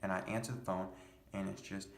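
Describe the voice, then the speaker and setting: A young man with a low, gravelly voice tells a rambling, exasperated story, swearing freely. His voice rings in an echoey room. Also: little pitch movement, fairly quick. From United States. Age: young adult. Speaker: vlogger. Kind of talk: casual storytelling.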